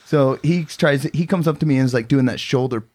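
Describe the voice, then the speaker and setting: A man's voice: medium pitch, a little fast, a little mellow. Rambling storytelling guy. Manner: rambling, lots of "like" fillers, swears. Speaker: podcast co-host. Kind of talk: casual storytelling chat.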